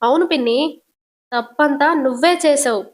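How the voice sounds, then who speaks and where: Playing a strict, domineering middle-aged father, a woman narrator raises her pitch a touch for the part in a spoken storybook retelling. The character interrogates forcefully and never yields, delivered at a normal speed.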